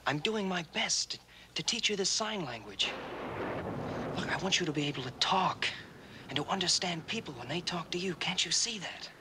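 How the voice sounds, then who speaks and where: A young actor playing a rancher who patiently coaches a deaf girl, repeating words slowly and gently in a 1960s TV western. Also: high voice, animated, noisy background. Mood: frustrated. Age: young adult.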